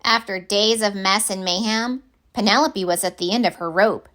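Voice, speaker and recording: Here a story reader, a woman speaking in a mid-range voice, works through a children's picture book with deliberate, expressive narration.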